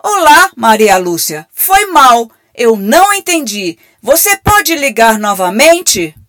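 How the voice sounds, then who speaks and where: A woman's voice: fairly high pitch, very animated, takes it slowly, a bit bright, full character voice. A Brazilian woman playing a cheeky, slangy AI telemarketing assistant in a comic radio play. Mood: breezy, unhelpful. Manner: breezy, slangy, scripted assistant patter. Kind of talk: radio comedy sketch acting.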